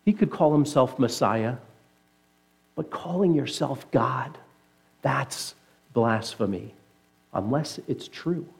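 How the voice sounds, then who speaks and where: A man preaching a sermon, retelling scripture as vivid story and letting his voice sink low and soft to stress key points. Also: lively intonation, takes it slowly, vocal fry, pauses often, slightly rough. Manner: earnest preaching that drops low and soft for emphasis. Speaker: pastor.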